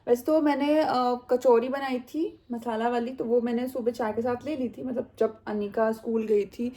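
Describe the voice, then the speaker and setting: A high-voiced Indian woman talks casually through a home vlog as a mother, slipping English words in among many fillers. Her tone is mellow and unhurried. She sounds a little far from the mic in an echoey room. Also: fairly even intonation. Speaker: mother vlogger.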